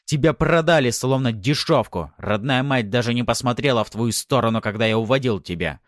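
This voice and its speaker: A man's voice: low voice, expressive, measured pace, no room sound, clean studio sound. A man reading an audiobook, voicing a brutal, domineering husband who growls threats at his wife. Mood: menacing.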